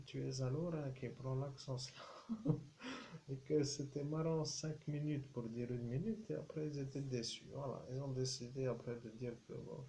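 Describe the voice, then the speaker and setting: Male medium, gravelly mid-pitched voice, meandering channeled monologue that drops to murmurs. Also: dark tone, a little hiss or hum, poor audio. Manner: meandering, slipping into murmurs and whispers. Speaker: self-styled medium. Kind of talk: rambling channeled message.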